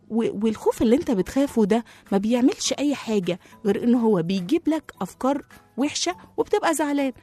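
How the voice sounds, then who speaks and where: Woman doing a soft egyptian mom, soothing, talks fast, mellow, faint music under. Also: fairly high pitch. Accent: Egyptian Arabic. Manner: soothing, affectionate, gently scolding. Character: gentle caring mother, patient.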